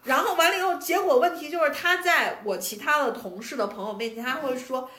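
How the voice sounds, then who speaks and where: A woman podcast co-host chatting casually, telling an animated story and acting out what others said. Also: high-pitched, brisk. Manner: animated storytelling, acts out quoted lines. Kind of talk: casual chat. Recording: roomy echo.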